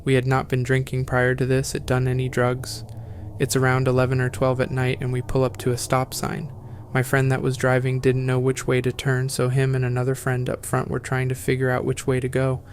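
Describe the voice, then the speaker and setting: Man, horror story narration, very monotone, mid pitch, steady background noise. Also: brisk. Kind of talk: scripted narration of horror stories.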